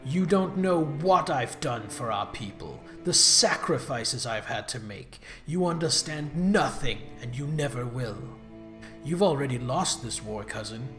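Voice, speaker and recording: A man's voice: mid-range voice, lively intonation, measured pace, a bit bright, pitched below the performer's own voice. A haughty noblewoman villain from a video game, acted out by a man, menacing and vengeful like a mustache twirler. She speaks in grand, arrogant threats over music. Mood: haughty, threatening. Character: captured arrogant noblewoman villain, vengeful, fanatically loyal to father. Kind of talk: reading video game dialogue aloud.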